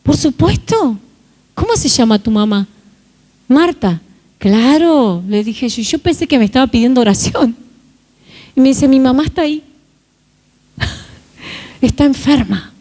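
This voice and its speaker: A woman's voice: high voice, animated, a little slow, long pauses, warm tone. A woman preacher, telling a testimony and leading a fervent prayer. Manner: fervent, storytelling then praying. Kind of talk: sermon with story and closing prayer.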